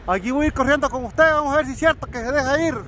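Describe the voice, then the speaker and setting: A man's voice: very high-pitched, racing, a bit bright, slight background noise. A man filming outdoors in the snow, narrating playfully and counting down. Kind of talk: casual commentary while filming.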